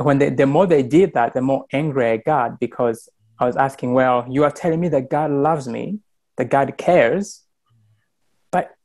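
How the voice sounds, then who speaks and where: A man's voice: mid-range voice, darkish tone. Young guy from rwanda on a video call, earbud mic, lots of uh and restarts, earnest. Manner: earnest, many fillers and restarts, gestures while talking. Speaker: church member sharing testimony. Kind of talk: personal faith testimony on video call. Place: small indoor room with plain wall. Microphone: wired earbud mic on video call.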